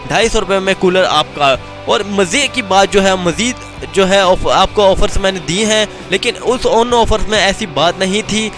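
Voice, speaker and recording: Pakistani guy doing a pushy teleshopping sales pitch, pretty high voice, music playing behind him. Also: moderate pace, a bit bright. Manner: insistent teleshopping-style selling, repeating key claims emphatically. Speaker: video channel host presenting product offers. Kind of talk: promotional product pitch.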